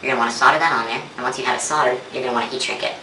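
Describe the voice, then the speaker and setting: Picked up from a distance in an echoey space with faint noise, a man talks through instructions at a brisk clip. His voice is bright and clearly pitched for explanation, moving methodically from step to step. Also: fairly even intonation. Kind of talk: instructional how-to walkthrough.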